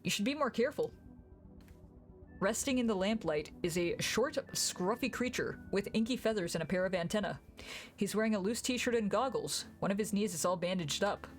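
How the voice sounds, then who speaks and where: A woman's voice: medium pitch, brisk. Playful woman streamer reading over music. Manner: playful, acts out dialogue. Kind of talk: live read-aloud of a visual novel game with casual asides.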